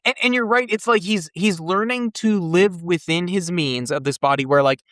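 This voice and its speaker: A man hosts a loose conversation with eager, animated energy, often agreeing and jumping in. His voice sits a little high. The sound is close and dry. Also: normal speed, no echo. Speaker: podcast host. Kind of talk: casual chat.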